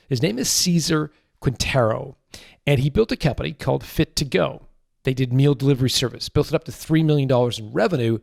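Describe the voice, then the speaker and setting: A man hosting a business podcast, reading a steady introduction and then asking the guest short questions. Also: mid-range voice. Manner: steady, clear delivery in intro, short prompts in interview. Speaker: podcast host.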